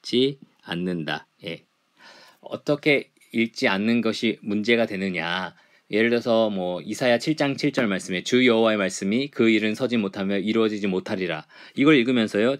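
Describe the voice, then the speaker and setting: A middle-aged man lecturing a church Bible class, explaining point by point with frequent fillers. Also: fairly low pitch. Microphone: writes on a board while teaching.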